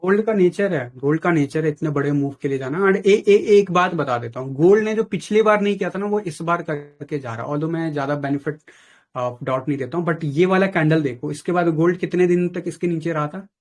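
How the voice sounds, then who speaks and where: Man, blunt advice, casual chat, raised pitch. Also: fairly quick, a little mellow. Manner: blunt, advising, mixes in English phrases. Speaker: trading mentor. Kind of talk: casual live chat with a caller.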